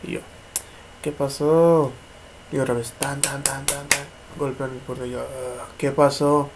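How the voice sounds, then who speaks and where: A man's voice: medium pitch, steady tone, a little slow, noisy background. A young man with a Mexican accent tells a paranormal story from home at night in a casual vlog. He rambles and repeats words. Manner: rambling, repeats words, mimics knocking sounds. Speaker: paranormal vlogger. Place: home at night, neighbours' party noise outside.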